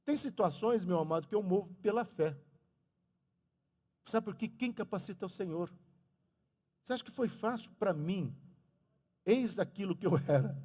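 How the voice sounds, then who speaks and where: A middle-aged man preaching a lively sermon as pastor in a church, speaking to the congregation. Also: sits high, moderate pace, pauses often. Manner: animated preaching, talks of his own stutter. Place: church sanctuary. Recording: long reverb of a church hall.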